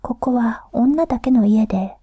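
Woman doing a formal, gentle bird-spirit lady of the house, breathy whisper, dry and close. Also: a little high, measured pace, no room sound. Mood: polite. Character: polite woman of the house, secretly a bush warbler spirit.

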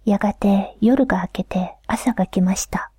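A woman reading a folk tale aloud in a soft, unhurried whisper, close to the mic. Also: medium pitch, slightly rough, dry recording. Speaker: storyteller.

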